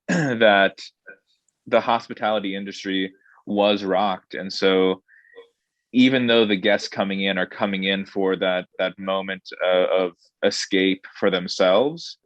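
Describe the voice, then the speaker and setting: Restaurant director, man, thirties, low and thoughtful, muffled dry sound. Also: a bit bright, dry recording. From born in Saudi Arabia, grew up in Indonesia. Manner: thoughtful, measured, with frequent ums and restarts. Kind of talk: interview answers.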